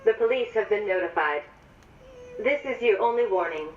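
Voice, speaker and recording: Firm woman's warning blared from a loudspeaker. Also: medium pitch, lively intonation, slight background noise. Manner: firm, brisk, commanding. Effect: blared from a home security loudspeaker. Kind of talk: recorded warning announcement. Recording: tinny, echoey loudspeaker playback outdoors.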